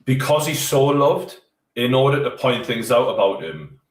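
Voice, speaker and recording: A man's voice: mid-range voice, very animated, normal speed. A man, a guest in casual chat, talking bluntly and swearing freely, heard through a tinny, metallic-sounding mic. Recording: tinny echoey remote mic from far off.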